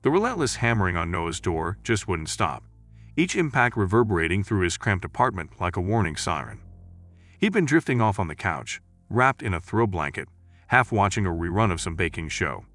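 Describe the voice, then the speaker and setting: A man's voice: sits low, sing-song, moderate pace, fairly bright tone, no room sound, soft background music. A man narrating a scripted sci-fi story in a dramatic, vivid way.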